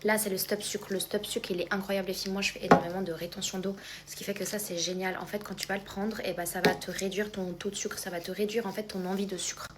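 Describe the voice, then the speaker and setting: Influencer girl casually plugging stuff to her followers, chatty, mid pitch, noticeable background noise. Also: little pitch movement, quick pace, hardly any pauses. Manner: chatty, informal, addressing followers directly. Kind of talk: casual product promotion to followers.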